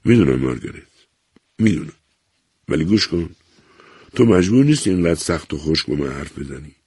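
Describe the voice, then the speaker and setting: A man's voice: extremely low pitch, very animated, darkish tone, breathy edge, no room sound, studio quality, full character voice. A man voicing a desperate middle-aged man who pleads in a strained, raised voice, for an audiobook. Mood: pleading.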